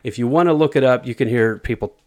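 A man presenting a little research to friends in a casual group chat, relaxed and halting, with many fillers and restarts. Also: mid-range voice.

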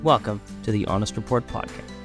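A man hosting an interview podcast, asking questions with frequent pauses and restarts. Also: lowish voice, over music. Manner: halting, many fillers and restarts. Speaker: podcast host.

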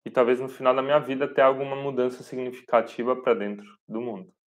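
A man's voice: medium pitch, level tone. Earnest Brazilian man hosting a devotional live. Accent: Brazilian Portuguese. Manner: earnest, speaks straight to viewers with slow emphatic phrasing. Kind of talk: live-streamed devotional talk.

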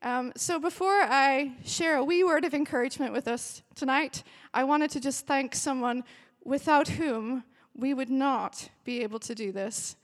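At a measured pace with hardly any pauses, a woman in her forties speaks high as the worship director opening a church retreat. Her welcome is warm, chatty and emotional, punctuated by cheering, echoing with long reverb through a large hall full of people.

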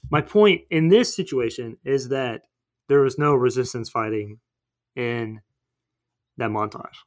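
A man's voice: mid-range voice, a little slow. A man chatting casually about a movie, rambling and thinking aloud with lots of fillers.

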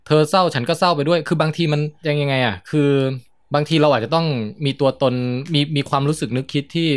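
A man's voice: a little high, smooth. A man chatting casually on a podcast, playful and joking. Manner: playful, joking, fast-talking. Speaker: podcast guest.

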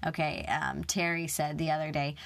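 A young woman giving an earnest, animated motivational talk, sometimes dropping to a whisper for emphasis. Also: sits low, moderate pace, vocal fry, dry recording. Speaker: motivational speaker.

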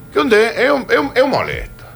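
An Argentine man co-hosting a talk show, telling stories with animated mock outrage in casual banter. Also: very high-pitched, creaky. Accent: Argentine Spanish. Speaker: radio show co-host.

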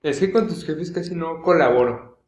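A man's voice: fairly high pitch, normal speed, slight background noise. A young man with a Mexican accent chatting casually and slangily with his friends. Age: young adult. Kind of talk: casual chat among friends. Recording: echoey room.

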